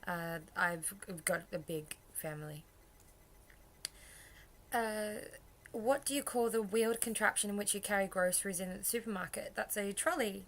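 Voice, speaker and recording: Young aussie woman rambling casually on her vlog, laughs at herself, mid-pitched voice. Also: normal speed, a bit bright, a little hiss or hum. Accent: Australian. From Australia. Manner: chatty and rambling, self-deprecating. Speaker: vlogger. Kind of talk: casual chat.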